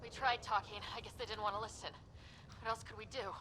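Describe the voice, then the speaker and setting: A woman's voice: on the high side, fairly even intonation, quick pace, close to an everyday voice. A woman playing a level-headed, resolute recon specialist in a sci-fi video game, composed and purposeful. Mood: regretful, reflective. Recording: noisy game battle ambience behind voice.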